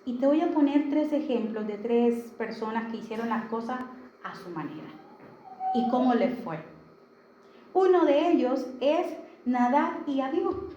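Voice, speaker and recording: A woman preaches a Sunday sermon in a church service hall, emphatically repeating key phrases and posing rhetorical questions to the congregation. Her voice is high with a darkish tone, and the echoey, slightly dull recording carries slight background noise.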